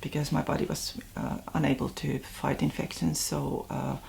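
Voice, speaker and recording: A woman with a Finnish accent recounts her time as a patient in an interview. Her voice sits very low and is heavily gravelly with fry. She speaks haltingly, with lots of ums and short phrases. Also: level tone, darkish tone, a little hiss or hum. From Finland. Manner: hesitant, many fillers and short broken phrases. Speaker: patient sharing her experience. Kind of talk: interview testimony.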